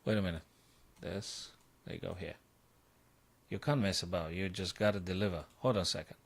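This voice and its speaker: A man with a very low voice talks his way through chess puzzles on a live stream. He thinks aloud in short bursts, repeats phrases and breaks into excited outbursts. He sounds like a coach working out each move in real time. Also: moderate pace, vocal fry, husky.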